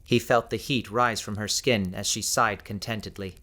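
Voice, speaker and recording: A man with a fairly low voice narrates an audiobook of scripted fiction. His storytelling is measured and descriptive, the tone steady and sharp.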